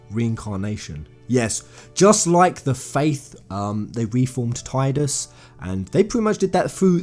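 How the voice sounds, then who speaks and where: A man gives an informal explainer on video game lore, talking conversationally to viewers he calls "guys" with emphatic phrasing. His voice is medium-pitched and a little mellow.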